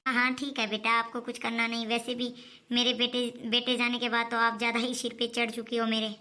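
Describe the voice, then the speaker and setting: A woman's voice: fairly high pitch, little pitch movement, a little fast, pushed and bright. A woman playing a scolding, grumbling old mother-in-law in a homemade family skit. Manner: nagging, complaining.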